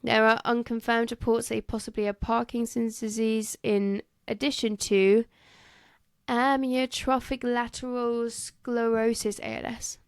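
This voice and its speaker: A woman's voice: fairly high pitch, level tone, a little slow, smooth, no room sound. A woman co-hosting a casual history podcast, reading from notes and joking and swearing between facts. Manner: jokey, giggly, swears. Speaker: podcast co-host.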